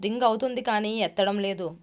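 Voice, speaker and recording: A woman's voice: mid-range voice, a little fast. Woman storyteller reading a story aloud. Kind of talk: read-aloud story narration.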